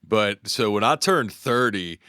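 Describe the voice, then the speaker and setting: A man's voice: lowish voice, measured pace, clean tone, no echo, studio quality. A man in his forties from West Virginia, co-hosting a podcast and telling stories in a loose, rambling way. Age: 40s. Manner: animated rambling storyteller. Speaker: podcast co-host, delivery driver. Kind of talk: casual chat.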